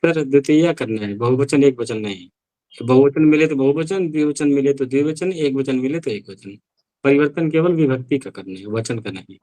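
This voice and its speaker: A man's voice: medium pitch, moderate pace, mellow, low-quality recording. A man teaching an online class, questioning and correcting students with dry teasing. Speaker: Sanskrit teacher.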